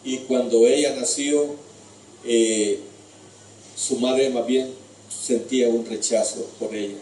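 A man's voice: medium pitch, steady tone, slow pace, warm tone, slight background noise. A man preaching a sermon as a storyteller, addressing his listeners as brothers. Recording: echoey room from far off.

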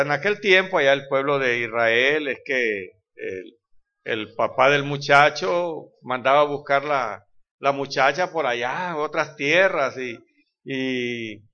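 A preacher gives a loose, chatty sermon, full of homespun jokes and tag questions to the congregation. His voice has a bright, forceful ring. The recording sounds dull and lo-fi. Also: a little high. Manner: conversational, keeps asking "right?" to the congregation; folksy joking anecdotes. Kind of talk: informal sermon.

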